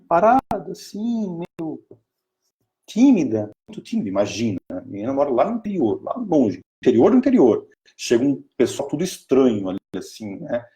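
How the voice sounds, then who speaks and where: A man's voice: medium pitch, mellow. Enthusiastic Brazilian man telling a story. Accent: Brazilian Portuguese. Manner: chatty, enthusiastic, many fillers and restarts. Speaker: strategic planning mentor for an NGO. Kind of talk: casual live talk, storytelling.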